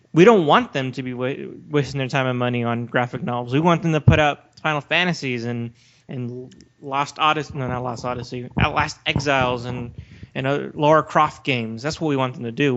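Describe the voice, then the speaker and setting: On a casual podcast, a male co-host takes a challenging, argumentative stance as he debates. His voice is medium in pitch with a fairly bright tone, heard through slightly dull, lo-fi audio.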